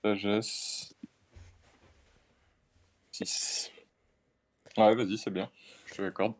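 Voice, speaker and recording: A man's voice: fairly low pitch, flat delivery, drawn-out words. A man acting as game master, explaining a tabletop game in an informal, easygoing way.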